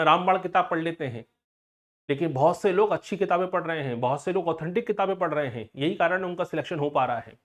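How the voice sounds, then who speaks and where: A sociology teacher giving an online exam-coaching lecture, explaining with everyday examples, asking frequent rhetorical questions and addressing students directly with warnings. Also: mid-range voice.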